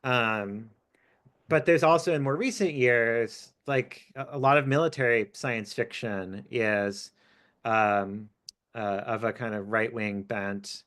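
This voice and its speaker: A man's voice: mid-range voice, slow, a bit bright. Thoughtful man speaking as an author. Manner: thoughtful, hesitant, many fillers. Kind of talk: academic talk.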